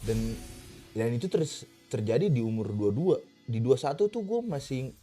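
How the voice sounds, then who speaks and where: Playing a game with its music behind him, a twenty-something streamer from Indonesia rambles slangily, swears a lot and cuts off mid-thought to react to the match. He speaks fairly quickly in a warm, sing-song, mid-range voice.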